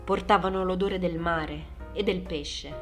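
Una donna che legge un romanzo come narratrice, con un tono calmo e regolare. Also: female voice, on the low side, unhurried, soft background music. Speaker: audiobook narrator. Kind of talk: scripted narration.

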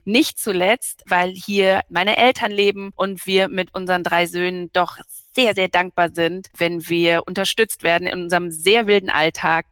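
A woman in her forties from Berlin, co-hosting a podcast and speaking in a measured, articulate way. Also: on the low side, a bit bright, clean tone, no room sound, clean studio sound. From Berlin, Germany. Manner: measured, articulate, well-formed sentences. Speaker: podcast co-host. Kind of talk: casual podcast chat.

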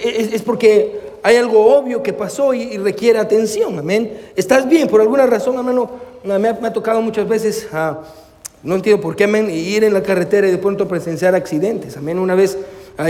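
A man's voice: high voice, darkish tone. A male pastor preaching a sermon, peppering his lines with amén and hermano and slipping into English phrases, with hesitant, storytelling restarts. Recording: long hall reverb.

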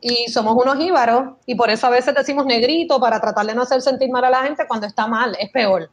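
Woman, young adult, Puerto Rican accent, casual chat, lively storytelling, slightly high voice. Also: quick pace, dull audio. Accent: Puerto Rican Spanish. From Puerto Rico. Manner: lively storytelling, mixes in English words.

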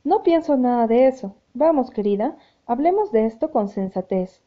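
A woman voicing a gentle, caring young woman who speaks in a soothing, tender way, in an audiobook reading. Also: a little high, animated, normal speed, lightly acted. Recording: tinny phone-like sound.

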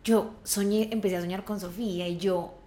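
A young woman with a Colombian accent, mid-pitched, tells a personal story in relaxed podcast chat. She is expressive and quotes her friends in shifting voices. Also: fairly quick. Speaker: podcast co-host.

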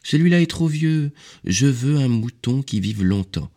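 A man's voice: animated, measured pace, mellow. A man voicing a curious, insistent little boy prince in an audiobook reading, with an eager, pleading tone. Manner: eager, pleading, high childlike tone.

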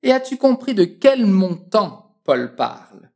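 A woman teaching a French lesson, encouraging the listener and drilling phrases slowly and precisely for them to repeat. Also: mid-range voice, sing-song, a little mellow.

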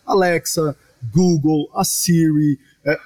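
A man from Brazil, a podcast guest, explaining his topic at length in casual chat with animated asides. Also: a little high, slow.

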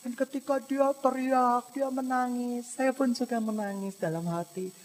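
A man preaching a sermon as pastor, moving between hushed asides and loud, dramatic passages, and asking the congregation questions. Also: extremely high pitch, steady tone, measured pace, slight background noise. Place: church hall. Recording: echoey church hall.

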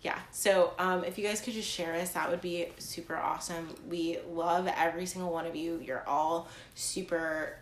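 A woman in her twenties chatting casually as a podcast co-host, rambling in a neurotic, halting way with repeated words. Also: fairly low pitch, steady tone, a little hiss or hum. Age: 20s. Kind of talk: casual chat. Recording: roomy, echoing sound.

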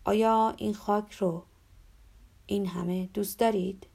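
Storybook role: a weary, gentle older priest pleading softly with a prisoner, with a low, gravelly, husky tone, read by a woman. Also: steady tone.

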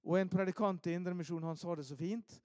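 A preacher from Ålesund, telling stories in a sermon, shifting between loud emphasis and hushed asides. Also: male voice, high voice, fairly even intonation, no room sound, clean studio sound. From Norway, Ålesund. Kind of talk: storytelling sermon.

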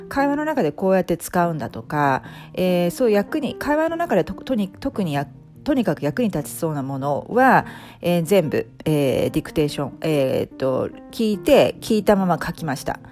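A woman's voice: on the low side, sing-song, normal speed, darkish tone, faint music behind. A middle-aged woman, a life coach, talking casually as a podcast guest, with many fillers and restarts. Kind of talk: casual interview talk.

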